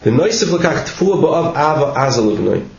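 A slightly high, sing-song voice with vocal fry and a darkish tone carries this Torah class at normal speed. The teacher reads passages and explains them informally, repeating words and asking "right?" often, while the echoey room yields a dull lo-fi recording with faint noise.

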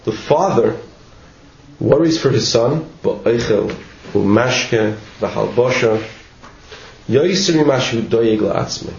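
At a slow pace, a man with a medium-pitched, creaky, slightly mellow voice reads Torah passages to his class and explains them informally. He often repeats words and asks "right?", and the sound is dull lo-fi with faint noise and room echo.

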